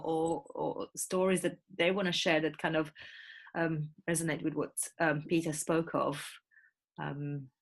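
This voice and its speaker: Woman host, lowish voice, short encouraging lines, video call audio. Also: fairly bright tone, rough recording. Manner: brief, encouraging prompts. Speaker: host and moderator. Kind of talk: moderating an online session.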